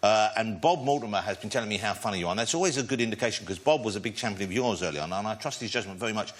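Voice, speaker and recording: A man hosting a television chat show, interviewing a guest with quick, teasing banter. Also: lowish voice. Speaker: talk show host. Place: television studio with live audience.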